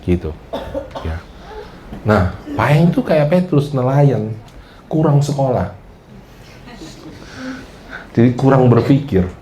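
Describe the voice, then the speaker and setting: A man preaching a sermon as pastor, lively and joking, acting out the prayers he quotes and often addressing his listeners directly. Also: medium pitch, takes it slowly, long pauses.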